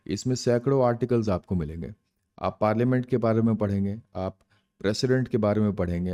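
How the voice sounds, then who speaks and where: Low mellow-voiced male teacher. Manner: explains terms in Hindi and English, asks and answers own questions. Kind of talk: exam-prep lecture.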